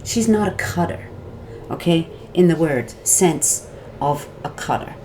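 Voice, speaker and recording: Warm and expressive, this woman's low voice carries a Wisconsin accent as she chats to viewers about her day in court. She's unhurried, and her commentary wanders off the subject and returns. A bit of hiss or hum can be heard.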